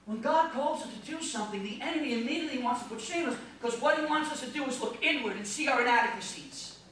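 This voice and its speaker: A pastor preaching a sermon with emphatic delivery and playful asides. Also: male voice, very high voice, lively intonation, quick pace, sharp tone, slight background noise. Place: church sanctuary. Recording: echoey church, mic far off.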